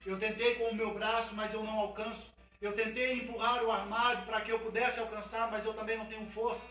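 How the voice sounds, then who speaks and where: A tearful little boy, pleading and a bit higher-pitched, as a Brazilian-accented preacher puts him on in a sermon story. The voice echoes in a church hall, picked up from a distance. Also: level tone, a little fast, sharp tone, highs cut off. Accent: Brazilian Portuguese. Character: young boy, tearful and pleading over lost toy.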